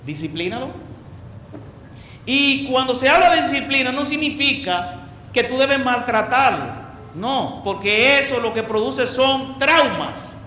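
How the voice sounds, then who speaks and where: A man preaches to a gathered congregation with a very high, bright voice. He stresses points by repeating words and by turning questions on his listeners. His voice rings through a large, echoey hall over a faint background hum. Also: expressive, measured pace. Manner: asks the audience questions.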